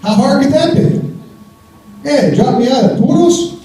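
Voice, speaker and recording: Performing stand-up on stage for a live crowd, an American comedian speaks in a very high, expressive voice with a dark tone and moderate pace. He is wry and chatty, chuckling at his own material, and the distant mic picks up roomy theater sound.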